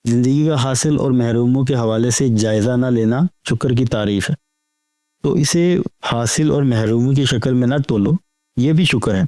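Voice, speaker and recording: A man delivers a recited Sufi lecture at a measured, deliberate pace, his pitch sitting in an ordinary middle range. The sound is dry and close, with no room around the voice. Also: dark tone, no room sound. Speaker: reader of spiritual talks.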